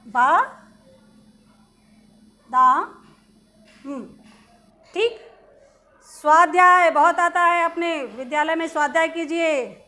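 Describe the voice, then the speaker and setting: A woman's voice: extremely high pitch, bright, forceful tone. A woman teaching Hindi spelling in an online lesson to children, patiently repeating words and quizzing the class.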